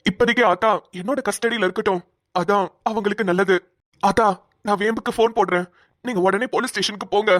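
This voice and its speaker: A woman's voice: mid-range voice, steady tone, quick pace, dry recording, studio quality, natural voice. A woman voicing an earnest, protective young male police officer in a cartoon, talking urgently and stammering at times. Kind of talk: cartoon voice acting.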